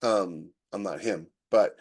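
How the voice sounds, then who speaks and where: An American podcast host chats casually, sharing strong opinions and illustrating his points with anecdotes. His low voice is slow with a darkish tone.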